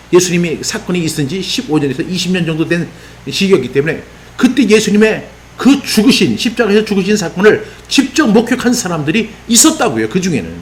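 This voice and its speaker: Animated high-voiced male pastor preaching. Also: a little fast, a little hiss or hum. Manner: animated, voices apostle's rebukes in raised exclamations. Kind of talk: expository sermon.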